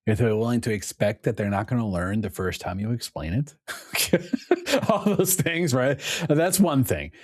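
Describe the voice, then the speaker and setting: A man, a podcast guest, telling stories in a casual conversation with an animated, laughing manner. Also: mid-range voice, normal speed, dry recording, studio quality. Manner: animated storytelling, laughs often.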